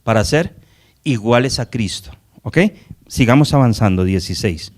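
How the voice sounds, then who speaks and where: A man's voice: medium pitch, animated, moderate pace, darkish tone. A man from Colombia preaching a Sunday Bible study sermon as pastor, asking the congregation rhetorical questions.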